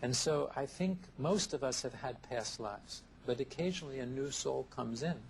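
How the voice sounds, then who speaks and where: A man speaks in a thoughtful, measured way, often building lists of ideas one at a time. His voice has a gravelly creak. The sound comes from a worn VHS tape copy, with faint tape hiss underneath. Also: mid-range voice, poor audio. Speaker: interview guest, therapist. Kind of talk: reflective interview answers.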